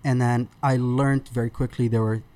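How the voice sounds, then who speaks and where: A Sudan-born man in his thirties talks as a podcast guest. His voice sits at an ordinary pitch for a man, and he speaks in a loose, relaxed, chatty way, pausing on fillers and starting sentences over as he goes. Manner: relaxed, with frequent fillers and restarts. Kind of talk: conversational storytelling.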